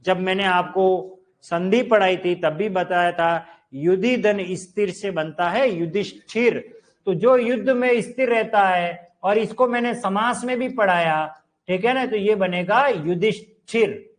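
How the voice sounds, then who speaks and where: A man teaching a classroom lesson on correct word spelling, repeating each word and checking that students follow. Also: sits high. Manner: explains slowly, repeats words, checks with 'clear?'.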